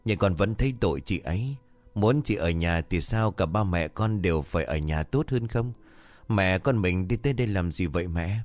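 Man doing cheeky teen daughter, teasing, questioning, low voice, faint music. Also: normal speed, darkish tone, natural voice.

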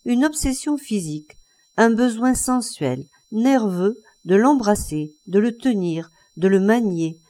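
A woman narrating a classic novel as an audiobook, in a measured, expressive reading. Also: mid-range voice.

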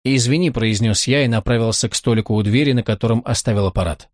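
A man narrating a first-person audiobook in a dry, ironic, measured way. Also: on the low side, fairly even intonation, no echo.

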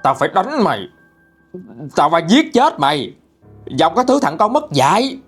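A spiteful, bedridden grandmother in her seventies, put on by a male storyteller snaps curses in a Southern Vietnamese accent. Her scolding swings up and down in pitch, and faint music hums behind the story. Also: animated, moderate pace, close to an everyday voice. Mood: furious. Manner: cursing, shrill scolding.

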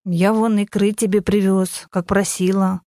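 A grumbling young man who swings from pleading to shouting, as a woman reads him. The voice is mellow and dark, recorded dry and close in an audiobook. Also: mid-range voice, level tone, measured pace, no room sound, close to an everyday voice. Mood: sulky. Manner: pleading then shouting, defensive. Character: blunt irritable young man, ex-husband.

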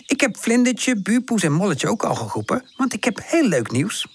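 Brief: male narrator as a kind, caring aunt figure, soft and friendly. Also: high-pitched, very animated, normal speed, slightly rough, pitched above the performer's own voice, exaggerated voice. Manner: gentle, soothing, chatty. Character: kindly motherly pear tree aunt, warm and caring.

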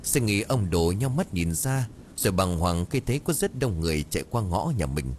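Deep-voiced man narrating with lively intonation. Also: moderate pace, a little hiss or hum. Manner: dramatic storytelling. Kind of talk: scripted audiobook narration.

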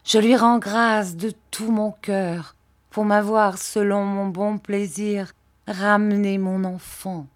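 A woman doing a trembling, gentle old uncle. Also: fairly even intonation, takes it slowly, natural voice. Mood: moved. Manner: low, trembling voice. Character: gentle old fisherman uncle, deeply moved. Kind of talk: audiobook character reading.

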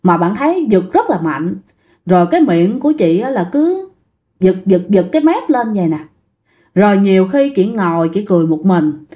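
A woman's voice: mid-range voice, very animated, normal speed, dark tone. A woman telling a ghost story in a casual, chatty way, speaking straight to her listeners. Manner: chatty, addresses listeners directly.

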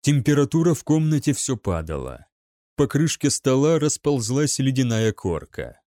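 A man's voice: mid-range voice, sing-song, normal speed, warm tone, no echo, clean studio sound. A man reading an audiobook with dramatic, scripted narration. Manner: dramatic storytelling.

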